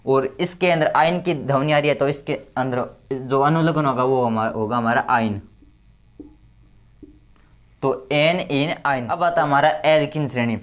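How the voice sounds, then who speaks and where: A man teaching chemistry step by step, who repeats key terms and counts slowly aloud. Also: mid-range voice. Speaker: chemistry tutor. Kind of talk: explaining step by step at a board.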